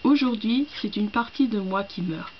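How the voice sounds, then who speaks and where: A grieving young man mourns his lover in slow, earnest words, as a woman reads his lines aloud. The voice sits at a middling pitch. The recording sounds slightly dull, with faint noise behind it. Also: lightly acted. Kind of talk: reading a play passage aloud.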